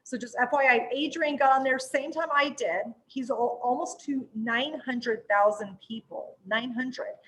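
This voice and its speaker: A woman with a high-pitched voice hosts a casual promotional chat. She talks in an informal, chatty way and sounds readily excitable. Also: unhurried, few pauses, low-quality recording. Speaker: host.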